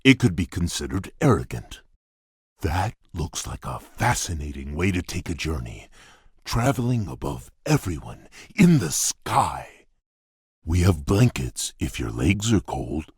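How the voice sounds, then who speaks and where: A courtly fairy-tale beast prince for a video game, with a deep and heavily husky voice. He speaks slowly and formally, gruff yet shy and earnest. The sound is close and dry. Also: big pitch swings, darkish tone, no echo, heavily acted. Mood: courteous. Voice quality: husky, deep, gravelly rumble. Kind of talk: video game character voice lines.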